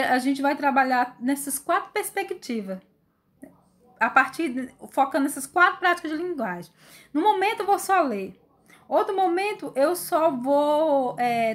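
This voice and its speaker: A woman giving an online university class, reading lists aloud and explaining with many fillers and restarts. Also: on the high side. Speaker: university lecturer. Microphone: phone.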